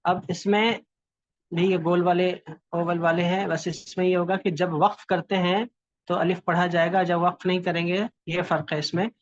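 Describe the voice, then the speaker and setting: A man teaching a class, explaining patiently and haltingly, with pauses and fillers. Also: sits high, level tone, no room sound, muffled recording. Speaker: calligraphy teacher.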